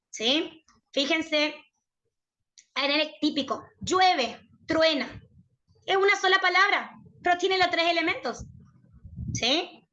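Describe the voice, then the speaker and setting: A woman's voice: sits high, bright, forceful tone, muffled recording. A woman with an Argentine Spanish accent teaching a university prep logic lesson, checking in with her students after nearly every phrase. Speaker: tutor.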